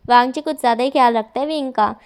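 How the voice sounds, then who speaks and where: A woman voicing a caring, gently stern mother in a story reading, soothing and coaxing. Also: high-pitched, quick pace, smooth. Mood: gentle firm.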